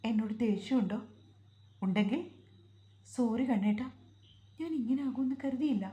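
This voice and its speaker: A woman's voice: fairly high pitch, normal speed, dark tone, close to an everyday voice. A woman voicing a timid, tearful young wife. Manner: hesitant, apologetic. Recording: roomy echo.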